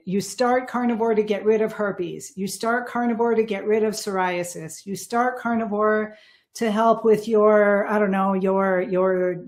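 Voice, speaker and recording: A woman's voice: mid-range voice, a little mellow. A woman in her sixties, a podcast guest, talking earnestly and emphatically in a casual interview. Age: 60s. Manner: earnest and emphatic, repeating key words.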